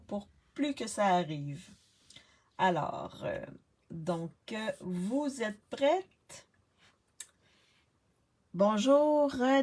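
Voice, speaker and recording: A woman's voice: lowish voice, a little mellow, breathy edge. A retired woman, casually chatting on a live card-making stream and greeting viewers by name, with lots of fillers and restarts. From Canada. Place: home craft workspace. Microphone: laptop webcam on a desk.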